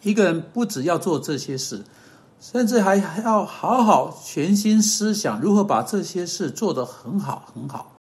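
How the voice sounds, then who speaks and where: A man giving an earnest sermon-style podcast teaching that closes in prayer, pausing on fillers and correcting himself as he goes. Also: high-pitched, animated, darkish tone. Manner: earnest, measured, with hesitant fillers and self-corrections.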